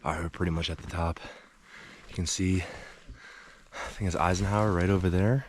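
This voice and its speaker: A man's voice: low-pitched, fairly even intonation, fairly quick. A man talking casually to his camera while trudging through snow outdoors on a windy trail. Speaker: hiking vlogger filming himself. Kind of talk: casual outdoor vlog talk. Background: wind and outdoor noise.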